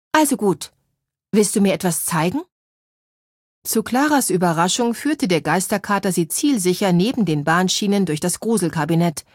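A woman narrating a children's story in a clear, measured way. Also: on the low side, dry recording, clean studio sound.

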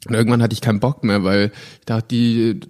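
Young male actor, lowish voice, loose and rambling, lots of fillers. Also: a little fast. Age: 20s. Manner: relaxed, rambling with many fillers and restarts. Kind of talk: casual interview chat.

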